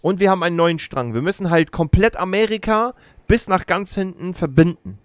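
Here a let's play host in his thirties sounds high-pitched and brisk, with lively intonation and no echo. Seated at his gaming chair in an indoor streaming setup, he speaks into a close streaming mic, chatting casually and explaining the game as he plays.

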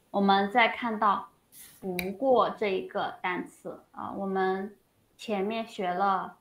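A woman teaches a language lesson in a slow, patient way, filling pauses with drawn-out sounds. Her voice sits at a middle pitch. It rings in a roomy space. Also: a little hiss or hum. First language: Chinese. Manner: patient, slow and explanatory, many drawn-out "ah" fillers. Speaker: Chinese teacher.

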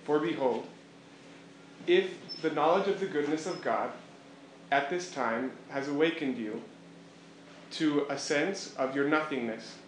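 A man's voice: fairly high pitch, measured pace, long pauses. A man reciting a scriptural address to listeners. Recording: echoey room with faint noise.

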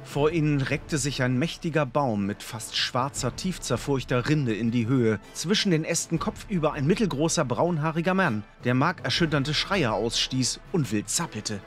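A man narrating a fantasy audiobook in a dramatic, expressive storytelling manner. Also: mid-range voice, moderate pace, hardly any pauses, faint music behind.

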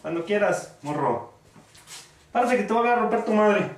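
A man from Mexico with a northern Mexican accent, trash-talking loudly in slang while playing a VR boxing game. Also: high-pitched, expressive, moderate pace. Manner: rowdy slang-heavy trash talk, shouting at the game. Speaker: gaming youtuber. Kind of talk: excited let's-play commentary. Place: room at home, playing a VR game. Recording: echoey room, distant from the mic, faint noise.

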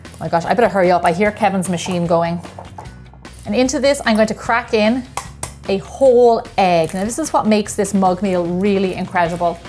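A woman's voice: mid-range voice, moderate pace, a little mellow, faint music behind. An Irish woman hosting a casual home cooking vlog, chatting upbeat as she explains each step in her kitchen. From Ireland. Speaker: baking show host.

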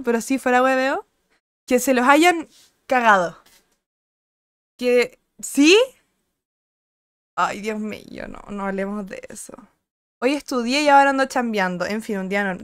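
A young Chilean woman streaming, chatting casually and crudely with her viewers and greeting them by name, her voice a little husky today. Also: on the high side, no echo, studio quality. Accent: Chilean Spanish. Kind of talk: casual chat with live chat viewers.

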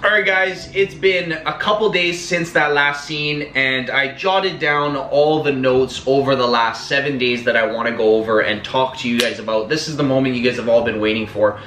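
A man's voice: medium pitch, normal speed, few pauses, sharp tone. A young man casually reviewing packaged meals to camera, chatty and always calling his viewers guys. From Italian. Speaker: food vlogger. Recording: echoey room.

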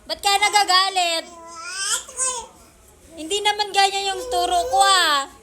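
A woman's voice: extremely high pitch, steady tone, measured pace, sharp tone. A young woman filming her baby at home on a phone, talking in playful, cooing baby talk and laughing often. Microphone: phone camera.

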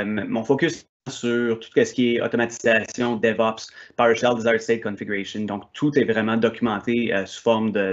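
A man's voice: mid-range voice, lo-fi sound. A man from Quebec with a Québécois French accent, presenting a technical conference session with frequent fillers and restarts. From Quebec, Canada. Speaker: conference speaker.

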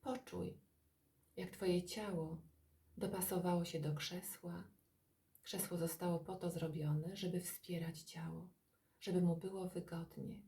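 A woman guides a relaxation meditation in a low, gravelly voice. She talks very slowly, in soft, calm phrases broken by long pauses. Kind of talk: guided body-scan meditation.

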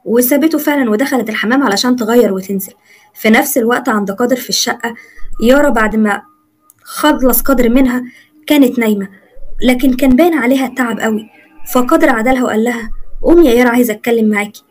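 A woman storyteller with an Egyptian accent, narrating a serialized romance story. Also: a little high. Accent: Egyptian Arabic. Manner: rapid, running commentary.

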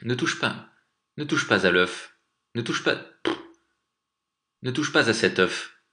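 A man's voice: fairly low pitch, lively intonation, measured pace, a bit bright, echoey room. Katchei, pressing sinister sorcerer, as a man puts him on. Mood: insistent. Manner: pressing, insistent.

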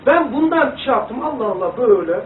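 A man's voice: extremely high pitch, a little fast, slight background noise. Distant, echoey man teaching religion. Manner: rambling, animated, demonstrating to listeners. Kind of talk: informal religious lesson. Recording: echoey room, distant phone-like mic.

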